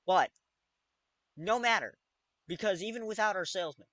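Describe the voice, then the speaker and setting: A man's voice: sits high, normal speed, fairly bright tone, no room sound. A man giving a mock presentation as an exasperated, absurdly serious rant that comes in emphatic bursts. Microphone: external microphone.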